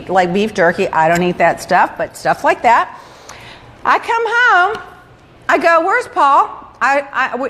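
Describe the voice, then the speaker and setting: A middle-aged woman hosting a casual gossip chat, telling stories with animated, exasperated quoting. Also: high voice. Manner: animated storytelling, acts out exasperated quotes. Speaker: talk show host.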